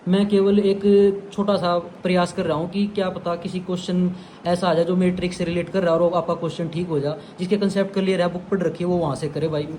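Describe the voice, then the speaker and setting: A man's voice: sits high, flat delivery, fast talker, darkish tone, a little hiss or hum. A young man teaching an exam-prep lesson in a chatty way, often calling the viewer "brother". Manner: chatty, repeats "bhai" to the viewer. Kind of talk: casual explainer lesson.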